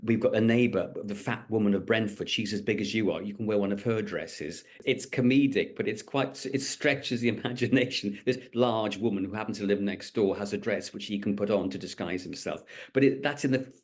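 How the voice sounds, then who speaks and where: Speaking briskly with few pauses in a lowish voice, a middle-aged Welshman with a light accent responds to interview questions. A stage actor, he is thoughtful, with frequent restarts and fillers.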